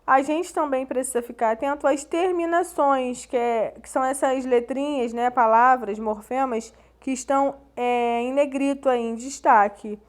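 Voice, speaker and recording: A woman's voice: sits high, steady tone, normal speed, few pauses. A woman teacher giving a recorded grammar lesson, patiently explaining step by step to her students.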